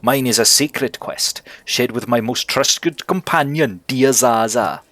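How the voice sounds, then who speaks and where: A man's voice: medium pitch, slow pace, fairly bright tone, dry recording, voice pushed up. A man doing a boastful bug knight. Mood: rousing. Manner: grandiose, old-fashioned heroic speech. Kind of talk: reading game dialogue aloud.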